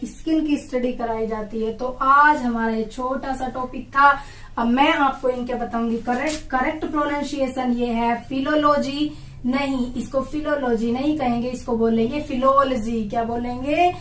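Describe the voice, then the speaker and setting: A young woman teaching biology to exam students, her voice a touch high. She repeats each term and quizzes the class back on its pronunciation. The room is echoey, and she sounds a little away from the mic. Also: fairly even intonation, normal speed, a bit bright, distant mic, slight background noise. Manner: repeats terms and drills pronunciation with call-and-response questions. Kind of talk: online exam-prep lesson.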